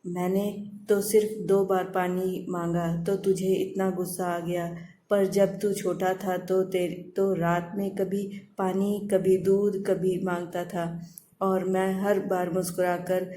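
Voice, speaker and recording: A woman voicing a patient, gentle elderly mother in a spoken story, keeping a slow, even storyteller delivery. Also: lowish voice, close to an everyday voice. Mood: reproachful. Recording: echoey room, faint background noise.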